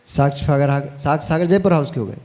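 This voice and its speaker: High-voiced man preaching. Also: fairly quick, a little mellow. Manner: folksy, addresses the audience directly with teasing asides. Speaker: Jain monk preacher. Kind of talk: sermon.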